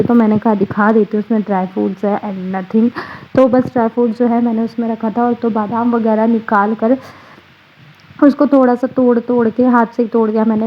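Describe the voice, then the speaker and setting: A woman's voice: fairly high pitch, highs cut off. Woman chatting over a cooking clip. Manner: step-by-step, chatty, wandering asides. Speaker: vlogger.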